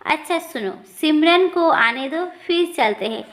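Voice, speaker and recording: A woman voicing a calm, decisive mother-in-law speaking in a measured way. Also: high-pitched, full character voice.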